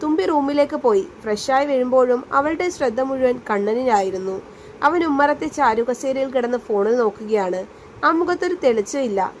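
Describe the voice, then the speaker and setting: A woman reading a serialized romance story aloud as a storyteller, in a steady storybook narration. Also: high voice, slight background noise.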